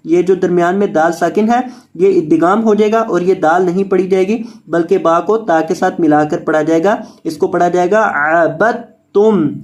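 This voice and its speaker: A man teaching Quran reading step by step, explaining rules quickly and then chanting each word slowly and drawn out. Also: high-pitched. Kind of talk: step-by-step recitation lesson.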